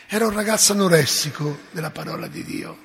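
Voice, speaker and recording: High-voiced man preaching in a reverberant hall. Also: quick pace, creaky. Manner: storytelling, acts out dialogue, emphatic swings in loudness. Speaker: priest. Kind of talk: sermon.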